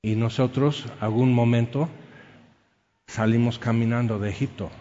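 A man's voice: mid-range voice, steady tone, normal speed, warm tone, long reverb tail, muffled recording, a little hiss or hum. A man preaching a sermon, telling stories and acting out the quotes in them. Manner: storytelling with acted-out quotes. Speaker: pastor.

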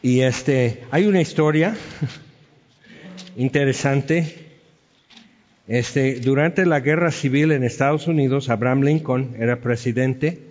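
A man's voice: medium pitch, slow, pauses often, darkish tone, in a large hall, dull audio. A man preaching a sermon, telling stories and acting out the quotes in them. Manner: storytelling with acted-out quotes. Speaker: pastor.

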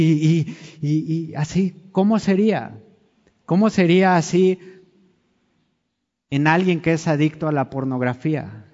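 A man's voice: fairly high pitch, a little mellow. A man preaching a sermon, talking with the congregation and asking them questions. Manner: conversational, asks the congregation questions. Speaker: pastor. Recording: dull sound with long hall reverb.

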